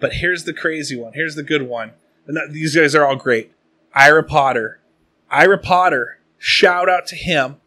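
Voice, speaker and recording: A man in his late thirties from the Pacific Northwest, hosting a casual podcast and rambling through sponsor and supporter shout-outs. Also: fairly high pitch, normal speed. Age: late 30s. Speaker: podcast host.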